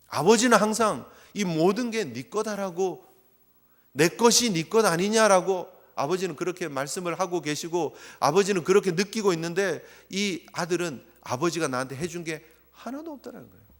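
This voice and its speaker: A man pastor preaching an emphatic, earnest sermon in a church sanctuary. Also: sits high. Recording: long church hall reverb.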